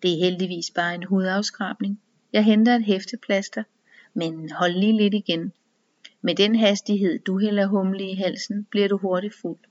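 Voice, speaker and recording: Woman voicing calm doctor man, advising tone, dull recording. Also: medium pitch, lightly acted. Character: sensible male doctor dressed as a hare.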